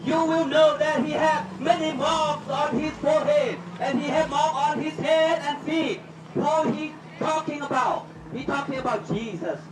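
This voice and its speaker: High-pitched male doomsday street preacher. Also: measured pace, over a noisy crowd. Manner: loud, exhorting, repetitive warnings of judgment. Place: outdoors at a flea market. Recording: distant, echoey, noisy outdoor recording.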